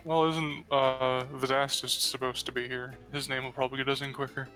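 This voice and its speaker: A man's voice: medium pitch, little pitch movement, fairly quick, bright, forceful tone, rough recording. A man chatting casually as a player in a tabletop game, informal and given to swearing. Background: guitar music.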